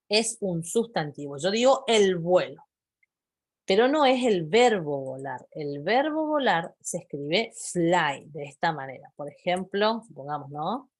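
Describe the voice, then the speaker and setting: Woman, English lesson, slow, patient repetition, expressive. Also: fairly low pitch. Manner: patient, repeats English phrases slowly, checks with "¿sí?". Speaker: English teacher. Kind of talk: explaining vocabulary to a class.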